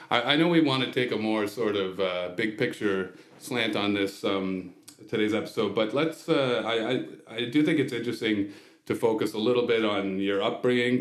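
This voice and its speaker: Low-voiced male podcast host, echoey room. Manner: relaxed, conversational, some fillers. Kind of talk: casual interview hosting.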